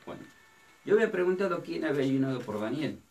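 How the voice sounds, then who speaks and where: A man's voice: fairly high pitch, lively intonation, quick pace, a little mellow. A man, a pastor teaching a Bible study sermon, who asks his listeners questions and then answers them himself. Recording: distant mic with faint music.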